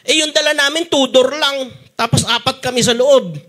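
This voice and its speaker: A man's voice: very high voice, moderate pace. A man with a Filipino accent preaching a sermon as pastor, telling stories with acted-out sounds and frequent laughter. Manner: animated storytelling, acts out sounds and quotes, laughs often. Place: church stage.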